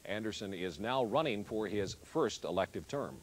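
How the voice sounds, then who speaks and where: Low-voiced male news anchor. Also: expressive. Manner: measured, interviewing guests. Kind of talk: election night broadcast anchoring.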